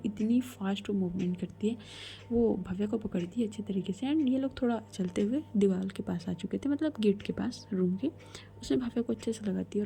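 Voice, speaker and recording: Gravelly dark-voiced woman whispering a story. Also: medium pitch. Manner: narrates casually in Hindi, voicing both heroines' dialogue. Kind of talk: whispered role-play.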